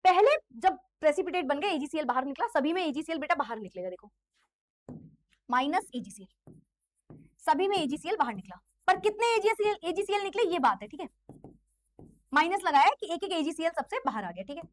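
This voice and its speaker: A woman's voice: sits high, big pitch swings, fairly quick. A woman teaching an online chemistry class in a playful, teasing way, quizzing her students as she goes.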